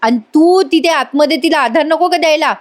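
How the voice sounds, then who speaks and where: A woman's voice: high voice, fairly quick, pitched above the performer's own voice, close to an everyday voice. A woman voicing a bold, protective young man who talks in rustic village speech and scolds his friend, in a retold serial scene. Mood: scolding.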